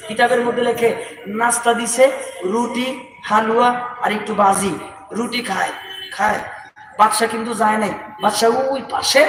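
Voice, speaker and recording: A man preaching an outdoor sermon, shouting and asking rhetorical questions. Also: very high-pitched. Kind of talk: Islamic sermon storytelling. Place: outdoor gathering by a busy road. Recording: echoey distant loudspeaker outdoors with traffic noise.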